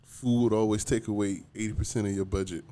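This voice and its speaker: A man's voice: fairly low pitch, steady tone, brisk, mellow. A man co-hosting a podcast, telling stories in a loose, casual way and laughing often. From South Florida. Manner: laid-back storyteller, laughs often. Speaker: podcast co-host. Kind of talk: casual chat.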